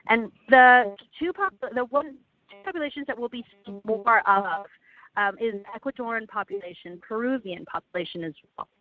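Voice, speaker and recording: A woman presenting slides in a webinar over a phone line, earnest and halting with frequent restarts. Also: fairly high pitch, lively intonation, no echo. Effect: heard over a phone line. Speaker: webinar presenter for a legal aid project. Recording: tinny, dry phone line.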